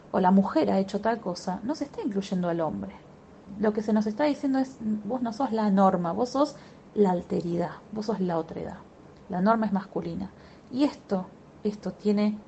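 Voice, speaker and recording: Woman therapist, Rioplatense accent, mellow voice, emphatic and direct, faint noise behind. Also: mid-range voice, highs cut off. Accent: Rioplatense Spanish. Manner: emphatic, repetitive, addresses listeners directly. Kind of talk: explanatory talk.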